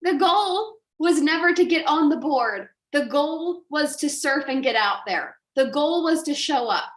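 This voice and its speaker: A woman with a high voice gives an emphatic motivational talk, firing rhetorical questions at her audience. The room around her rings with echo. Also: expressive, unhurried. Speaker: business coach.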